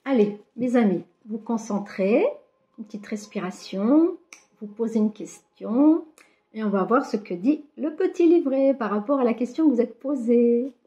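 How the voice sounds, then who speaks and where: Woman card reader, fairly high and mellow, warmly encouraging, casual, lo-fi sound. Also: animated, normal speed. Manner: affectionate, encouraging, fillers like "hein" and "donc". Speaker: card reader giving a weekly guidance. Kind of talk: casual spiritual guidance to viewers. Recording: dull lo-fi sound.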